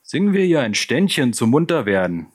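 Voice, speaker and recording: A man voicing a young neo-Nazi gang leader who taunts his victim slowly and with mock sweetness, in an audiobook. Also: medium pitch, animated, a bit bright, voice pushed up. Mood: taunting.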